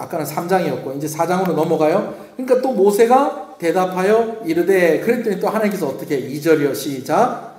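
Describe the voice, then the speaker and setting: Male pastor, slightly high voice, preaches in a teaching, question-and-answer way. Recorded in a reverberant church hall. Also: a little mellow. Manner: asks the congregation questions and answers them himself. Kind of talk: sermon at a Friday prayer meeting. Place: church sanctuary. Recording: echoey church room.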